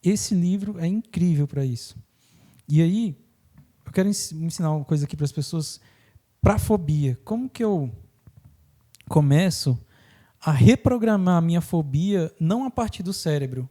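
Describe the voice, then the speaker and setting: A man hosts a casual podcast in a fairly high voice. His tone is mellow and warm. He explains things in an animated way and slips into quick voices when he quotes people. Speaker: podcast host.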